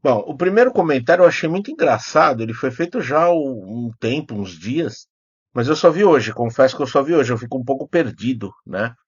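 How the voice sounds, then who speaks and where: A Brazilian film critic hosting a YouTube channel answers comments in casual, unscripted vlog talk, rambling and hesitating and often correcting himself. His mid-range voice is animated, brisk and a bit breathy, with dull audio and no room sound.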